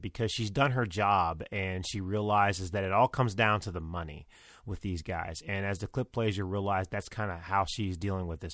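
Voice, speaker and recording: A man's voice: low voice, a bit bright, no room sound, studio quality. A man casually talking through his thoughts on a TV episode, rambling with many restarts. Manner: rambling, lots of fillers and restarts. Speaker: show reviewer and host. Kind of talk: casual commentary on a TV show.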